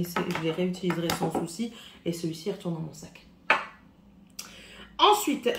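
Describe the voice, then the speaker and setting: Chatty woman reviewing makeup, echoey room. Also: a little high. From France. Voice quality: says her voice is rough and husky today. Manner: chatty, hesitant, many fillers, shows products. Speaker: beauty vlogger. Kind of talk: casual makeup review to camera.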